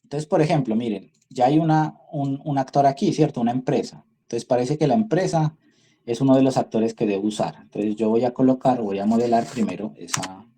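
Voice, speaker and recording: A man's voice: mid-range voice, a little fast, mellow. A man gives an online class as an instructor. He thinks aloud as he works and keeps checking in with his students through tag questions. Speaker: university instructor.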